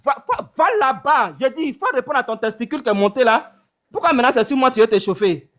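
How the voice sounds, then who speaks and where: Fast, combative woman moderator. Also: fairly high pitch. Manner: combative, repeats herself insistently. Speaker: debate moderator. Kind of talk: heated live panel debate.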